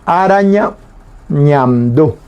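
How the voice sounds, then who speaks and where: A man teaching a language lesson on the radio, saying each word slowly and repeating it twice with pauses. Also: on the high side, expressive, darkish tone, clean tone, muffled recording. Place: radio studio.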